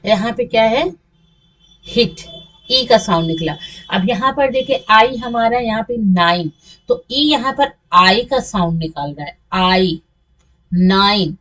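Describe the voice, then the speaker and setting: A woman's voice: medium pitch, slow pace, fairly bright tone. A woman English teacher giving a slide lesson, patiently repeating and stretching example words. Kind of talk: classroom lesson over slides.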